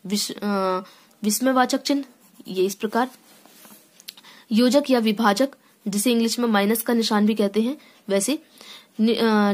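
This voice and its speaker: A female teacher explains a lesson in a slightly higher voice than most. She goes point by point, pauses often to check that students are following, and reads textbook lines aloud before breaking them down. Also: a little mellow. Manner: explains step by step with frequent "theek hai" check-ins and restarts.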